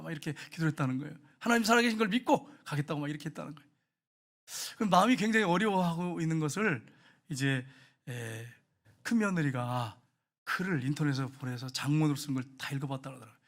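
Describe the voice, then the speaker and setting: Male pastor, sermon, high voice, rapid delivery, emphatic then hushed storytelling. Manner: emphatic preaching, dropping to quiet storytelling; addresses the congregation directly, repeating points.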